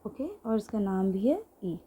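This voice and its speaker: A woman's voice: medium pitch, very animated, unhurried, warm tone, slight background noise. A woman teaching an online language lesson, explaining patiently while writing things out and mixing in English phrases. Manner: writes on a board while explaining.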